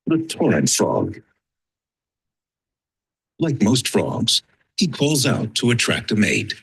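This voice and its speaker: A man narrating a nature documentary clip in a husky, gravelly voice, played back over a video call. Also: on the low side, wildly swooping pitch, takes it slowly, exaggerated voice.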